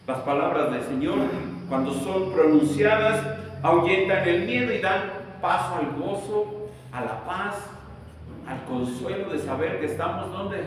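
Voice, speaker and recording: A man's voice: high voice, recorded from a distance, slight background noise. A man preaching a sermon as pastor, emphatic and full of rhetorical questions. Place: church sanctuary. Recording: echoey church hall, voice from afar.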